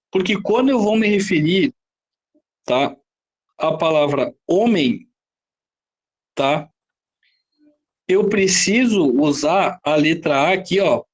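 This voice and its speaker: Brazilian male teacher, high register, lecturing style, constantly checks the class with quick questions. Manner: explains with frequent rhetorical questions and "tá?" checks. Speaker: Portuguese teacher.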